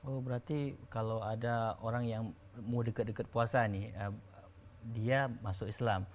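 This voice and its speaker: A man hosting a religious talk show, deferential and quick to agree, asking the scholar follow-up questions. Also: medium pitch, steady tone, slight background noise. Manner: deferential, many agreeing interjections.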